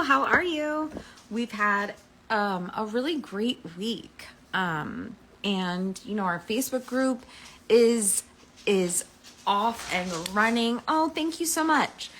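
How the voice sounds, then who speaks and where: A woman's voice: mid-range voice, a little hiss or hum. A woman from Florida hosting a casual live-stream chat, rambling and chatty with plenty of fillers. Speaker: host.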